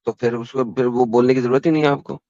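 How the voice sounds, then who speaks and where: A man with an Indian Hindi accent, hosting a heated online debate and pressing his points with rapid-fire verse references. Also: medium pitch, steady tone, dark tone, no room sound. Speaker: debate host. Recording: dull, dry call audio.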